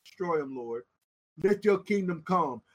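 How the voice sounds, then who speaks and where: A man preaching a fiery sermon on a psalm, swinging from hushed asides to drawn-out shouted emphasis in a repetitive, driving cadence. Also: high-pitched, lively intonation.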